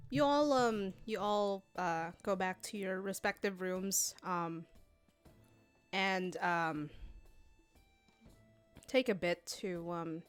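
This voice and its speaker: Casting: a woman game master, slow, halting narration, mid pitch. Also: smooth. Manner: slow, halting, many fillers.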